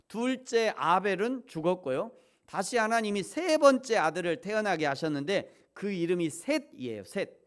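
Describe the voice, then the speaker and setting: A middle-aged man preaching a sermon as pastor, shifting between hushed asides and loud emphatic peaks, and acting out quoted voices as he tells stories. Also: high-pitched. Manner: acts out quoted voices in a playful storytelling way.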